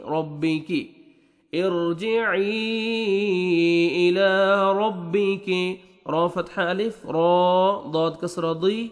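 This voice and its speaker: A high-voiced man teaches Quran recitation, moving between quick explanations and slow chanted verses. A long reverb trails each phrase, so the voice sounds like it is ringing through a big room. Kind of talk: recitation lesson, spelling out letters and vowel marks.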